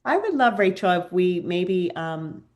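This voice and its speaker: A woman's voice: on the low side, sing-song, a little slow. A woman hosting a casual virtual hangout, enthusiastic and asking the guest to follow up with the community. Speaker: host. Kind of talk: casual chat.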